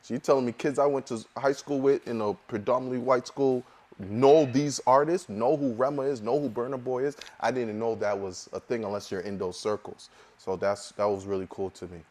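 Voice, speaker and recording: A man co-hosting a casual podcast who works as a DJ, telling relaxed, rambling stories. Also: medium pitch, brisk. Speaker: podcast co-host and DJ.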